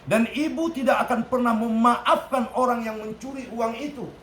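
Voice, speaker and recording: A man playing an elderly mother who pleads and cries out to God in a high voice, recorded in an echoey room. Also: steady tone, moderate pace, a bit bright, slight background noise. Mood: bitter. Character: elderly mother, grieving then forgiving.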